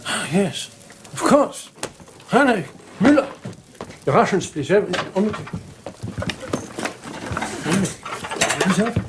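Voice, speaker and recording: An actor playing a courteous, proud German lieutenant with a German accent, speaking formally and with measured assurance. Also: male voice, high voice, big pitch swings, heavy background noise. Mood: polite, formal. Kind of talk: film drama dialogue.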